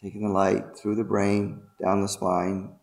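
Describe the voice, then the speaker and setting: A man guides a meditation and spiritual invocation in a deliberate, ceremonial way, speaking in short, separated phrases. His voice sits on the low side, monotone and darkish, with vocal fry.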